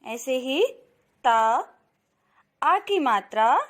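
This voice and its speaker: A woman teaching a slow, clear phonics lesson to young children, stretching out each syllable and often calling out to them. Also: fairly high pitch, lively intonation. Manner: drawn-out syllables, addresses children warmly; very slow, careful pace. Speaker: kindergarten teacher.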